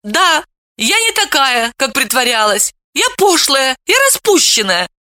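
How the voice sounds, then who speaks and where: A loud, cheeky young woman who exclaims nearly everything and swings wildly up and down in pitch, as a woman narrator puts her on. Her voice sits high and bright, recorded close and dry. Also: big pitch swings, unhurried, dry recording, full character voice. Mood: defiant, brash. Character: brash young woman, defiant and provocative. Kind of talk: audiobook character voice.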